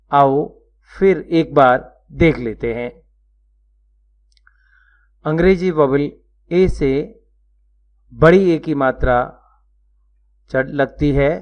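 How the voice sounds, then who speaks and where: A man narrates a scripted lesson, pausing to spell out each word letter by letter. He speaks very slowly and carefully, his voice sitting slightly high. The recording sounds dull and lo-fi. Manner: slow, measured, spelling out letters one by one. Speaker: teacher.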